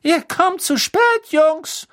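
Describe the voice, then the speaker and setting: A tiny, excitable old professor chirps orders in a high, squeaky voice, as a man reading an audiobook puts him on. He is brisk and a little scolding. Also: heavily acted. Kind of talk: audiobook character voice.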